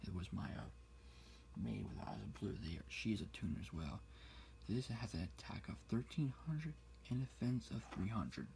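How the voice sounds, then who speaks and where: A man speaking very quietly, sometimes whispering, close to the ear in an ASMR style, reading things out slowly. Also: fairly low pitch, very animated, background noise. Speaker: ASMR card collector showing a deck. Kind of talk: quiet ASMR talk, soft-spoken to whispered. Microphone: close-up ASMR mic.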